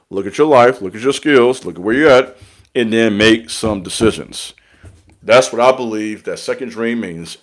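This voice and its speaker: A young man giving an earnest, repetitive motivational talk on spiritual growth, speaking like a preacher to his followers. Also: lowish voice. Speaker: online spiritual mentor.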